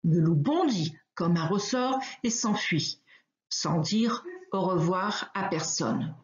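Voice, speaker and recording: A woman reading a children's story aloud, expressive and unhurried. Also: on the low side. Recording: roomy, slightly dull recording.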